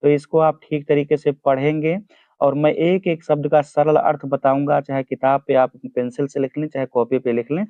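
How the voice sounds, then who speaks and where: A man teaching a Hindi poem to school students, giving each word's meaning slowly and repeating it so they can write it down. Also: a little high, level tone, dry recording. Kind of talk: explaining poem word by word. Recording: dry, phone-like narrow sound.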